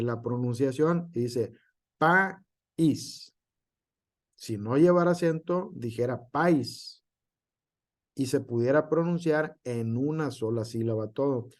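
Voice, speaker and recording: Male teacher, online lesson; slow and deliberate, spells out example words, heavy fillers and tag questions. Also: medium pitch, warm tone. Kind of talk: online class lecture.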